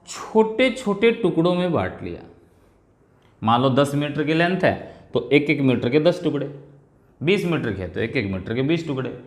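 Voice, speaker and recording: A man with a fairly high, lively voice teaches a physics lesson. He explains step by step and repeats each key term. The room around him is echoey. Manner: explains step by step, repeats key terms, mixes Hindi and English. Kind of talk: classroom physics lecture.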